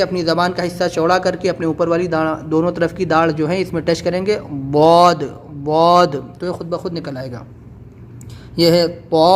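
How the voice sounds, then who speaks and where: Male tutor with a high voice; patient, repetitive lesson delivery over light background noise. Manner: patient, repeats and drills letter sounds. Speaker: Quran reading teacher. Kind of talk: explanatory lesson.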